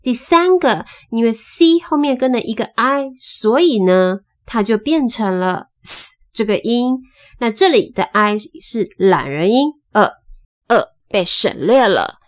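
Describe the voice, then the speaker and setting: Slow, patient woman teaching phonics. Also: fairly high pitch, lively intonation. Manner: patient, spells out sounds slowly and repeats words. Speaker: English pronunciation teacher. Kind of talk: slow spoken phonics lesson.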